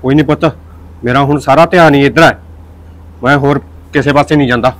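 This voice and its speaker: A man playing an older, secretive village father in a short film, talking calm and gruff. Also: mid-range voice, fairly quick, close to an everyday voice, low-quality recording. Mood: scheming. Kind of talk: Punjabi short film acting.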